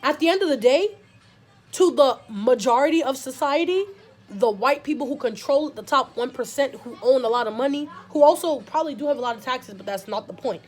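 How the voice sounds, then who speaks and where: Young woman vlogger, fairly high voice, heated, rambling run-on opinion talk. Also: lively intonation, a little fast, darkish tone. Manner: heated, talks in long run-on streams with many likes. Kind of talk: casual opinion vlog.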